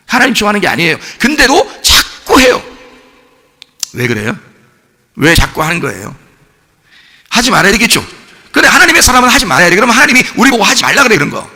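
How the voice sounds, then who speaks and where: A male pastor preaching in an animated, questioning way, his bright voice rough with gravel. He swings high and wide in pitch. His words ring out with a long echo through a church hall. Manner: animated, rhetorical questions to the congregation. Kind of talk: sermon.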